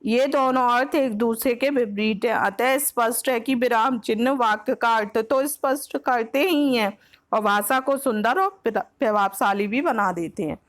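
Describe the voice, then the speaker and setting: Speaking at normal speed in a slightly high voice, this Uttar Pradesh–accented teacher walks students through grammar for exam preparation. She repeats every point patiently and drops English words like "next" and "example" into her Hindi.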